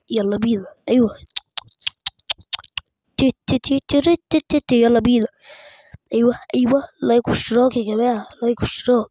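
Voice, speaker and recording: An Egyptian woman giving excited gameplay commentary, chanting short repeated words as she plays. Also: on the high side, no echo. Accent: Egyptian Arabic. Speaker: gaming YouTuber. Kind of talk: let's-play gameplay commentary.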